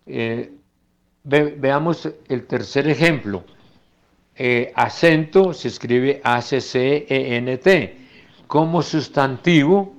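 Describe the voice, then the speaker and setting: A man teaching English phonetics in a lecture, slowly modelling English words aloud as he goes through slides. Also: medium pitch, highs cut off.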